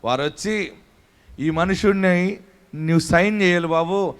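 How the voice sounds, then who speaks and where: A man pastor preaching a sermon, leading the congregation in song and shouted praise, then telling a story from his church. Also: high voice, unhurried, clear, resonant tone. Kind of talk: sermon with worship singing.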